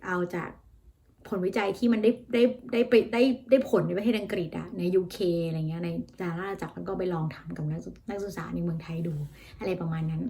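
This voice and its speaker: A worn-out Thai woman in her thirties who teaches English, speaking in a relaxed, candid vlog manner. She reflects on herself openly, then patiently coaches viewers, spelling out words and repeating each one aloud. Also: lowish voice, fast talker, creaky. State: tired. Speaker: English teacher and PhD student. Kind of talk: casual reflective vlog with pronunciation practice.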